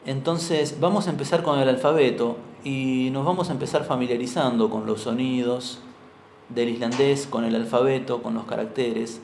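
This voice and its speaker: A man's voice: medium pitch, moderate pace, a little mellow, recorded from a distance, slight background noise. Argentine man lecturing in an echoey classroom. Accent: Argentine Spanish. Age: young adult. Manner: explanatory, asks the class for agreement. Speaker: teacher. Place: university classroom. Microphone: far room microphone. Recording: very echoey room recorded from afar.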